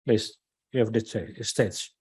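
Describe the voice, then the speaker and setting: A man's voice: on the low side, takes it slowly, a little mellow, husky, low-quality recording. A man moderating a conference session, introducing speakers in a hesitant way with many fillers.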